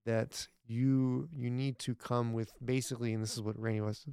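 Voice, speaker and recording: Give me a gravelly man telling his story in a casual interview, blunt and rambling. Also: mid-range voice, level tone, normal speed, dark tone, dry recording. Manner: rambling with frequent restarts, blunt and profane. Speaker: podcast guest, entrepreneur.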